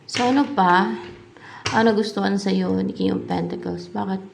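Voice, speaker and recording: A woman's voice: medium pitch, moderate pace, creaky, background noise. A woman doing a casual tarot reading for her viewers, chatty and thinking aloud, slipping English words into her talk. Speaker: tarot reader.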